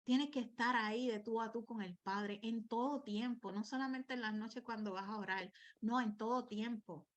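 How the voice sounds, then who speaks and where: A woman's voice: a little high, fairly even intonation, normal speed, hardly any pauses. A woman preacher, giving a personal, conversational sermon with frequent asides.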